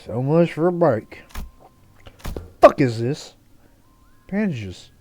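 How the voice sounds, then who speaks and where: A man voicing a brash, foul-mouthed, battle-hardened mother with a put-on Southern accent, loud and swearing. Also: fairly high pitch, very animated, takes it slowly, full character voice. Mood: gruff. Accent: put-on American Southern.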